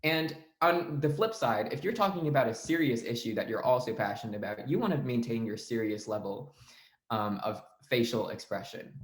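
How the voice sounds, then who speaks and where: A young man explains how to give better debate speeches in a casual online lesson. He keeps a loose, conversational tone and leans on fillers as he goes. His mid-pitched voice rings in an echoey room. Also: lively intonation, moderate pace. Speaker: debate coach.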